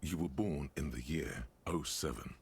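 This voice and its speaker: Gravelly, very deep game narrator. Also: male voice, heavily acted. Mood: ominous. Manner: measured, atmospheric, wry. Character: gravelly male narrator of a grim detective game.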